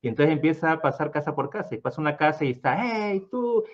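A man's voice: fairly high pitch, fairly even intonation, rapid-fire, dull audio. A man telling a story casually as a guest, meandering with fillers and acting out the voices. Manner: meandering, lots of fillers and restarts, acts out voices.

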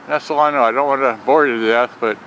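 This man talks fast in a mid-range voice with fairly even intonation, the sound lo-fi. Filming with a handheld camera he holds himself, he casually and unscripted shows off a repaired boombox for sale in a grassy open yard, rambling and muttering to himself. Loud wind and outdoor noise are heard.

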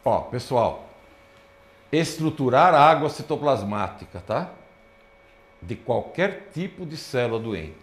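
Speaking slowly with long pauses, this medium-pitched man delivers a lecture in a hall that sounds roomy. He stays animated and keeps pointing at slides with a repeated "ó, olha só."

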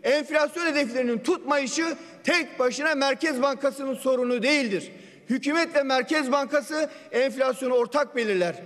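A man's voice: very high-pitched, moderate pace, fairly bright tone. A man giving a parliamentary budget speech into a podium microphone, assertive and firing pointed rhetorical questions. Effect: speaking into a podium microphone. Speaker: member of parliament. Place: parliament general assembly hall. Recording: long reverb of a large chamber.

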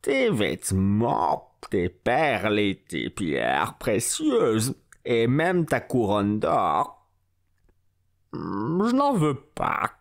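A man doing a slow, grave frog king. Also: on the low side, huge pitch swings, creaky, exaggerated voice. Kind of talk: storybook reading.

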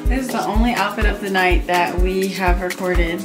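A young woman chatting in a casual vacation vlog, excitable and laughing often, filming on a handheld phone outdoors. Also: medium pitch, moderate pace. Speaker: vlogger. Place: outdoors on a trip. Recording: loud music behind.

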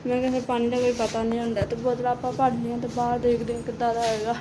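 A woman vlogger with a Punjabi accent speaks in a high voice, chatting casually to her viewers. She retells things in an animated, exclaiming way. Clear background noise sits behind her on a handheld home recording. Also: racing. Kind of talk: casual home vlog chat. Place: at home, moving between rooms.

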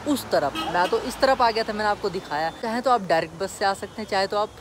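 A young adult travel vlogger holds his phone at arm's length on a windy hill road and chats directly with his viewers. His voice is high, a bit bright, and lively in intonation, and he talks quickly, with a little hiss or hum on the recording.

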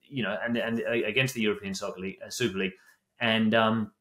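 A British man in his thirties hosting a podcast interview over a video call, talking in a lively way. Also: fairly low pitch, quick pace, roomy sound. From Britain. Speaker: podcast host. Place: home study. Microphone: desk microphone.

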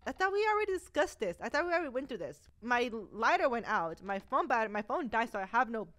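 A woman's voice: on the high side, big pitch swings, fast, a bit bright. A young woman playing a horror game and talking to her viewers in a chatty way, with nervous laughs. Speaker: gaming YouTuber. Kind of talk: let's play commentary.

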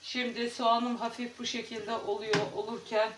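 A woman's voice: fairly high pitch, little pitch movement, normal speed, echoey room, recorded from a distance, noisy background. A woman chatting casually to her viewers as she cooks at home, talking in a homely vlog style. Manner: chatty, talks to viewers while cooking. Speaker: home cooking vlogger. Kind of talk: casual cooking vlog chat. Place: home kitchen.

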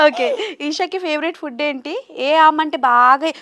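A woman's voice: high-pitched, fairly bright tone. A woman interviewer in playful chat with a small child, asking teasing, coaxing, sing-song questions.

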